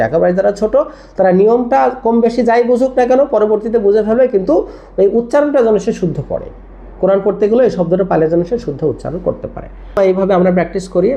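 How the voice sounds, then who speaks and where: A patient tajweed teacher, spelling each word letter by letter before drilling it slowly. The voice sits in a middle pitch. The recording sounds dull and lo-fi. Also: dark tone. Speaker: Quran reading teacher. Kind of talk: tajweed lesson for teachers of children.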